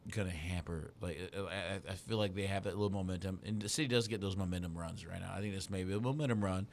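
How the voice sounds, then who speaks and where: Low-voiced animated male soccer pundit. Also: fast, slight background noise. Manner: animated, slangy, talks in restarts. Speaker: radio show co-host. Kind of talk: casual sports chat.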